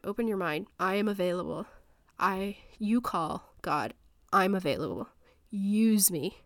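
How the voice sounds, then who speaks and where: A woman's voice: mid-range voice, dry recording, studio quality. Stuffy-nosed woman in her thirties. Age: 30s. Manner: earnest, rambling, encouraging. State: stuffy-nosed from a sinus infection. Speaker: podcast host. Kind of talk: faith podcast monologue. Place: home office.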